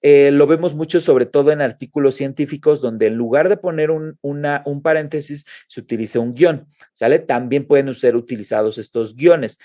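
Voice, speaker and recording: A man's voice: mid-range voice, normal speed, hardly any pauses, dark tone, no echo, clean studio sound. A male teacher with a Mexican accent explaining grammar in an exam-prep lesson, often checking in with his students.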